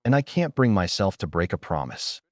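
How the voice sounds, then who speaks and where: A man voicing an anxious, reserved warrior mother who speaks flatly and hesitantly in a storybook reading. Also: low voice, a little fast, dry recording, studio quality. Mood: reluctant. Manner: flat, hesitant.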